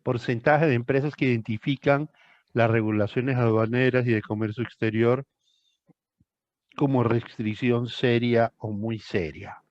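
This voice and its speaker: A man's voice: mid-range voice, steady tone, unhurried, no room sound, highs cut off. Emphatic older man tutoring. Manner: emphatic, repeats phrases for stress. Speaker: thesis tutor. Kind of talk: one-on-one tutoring session.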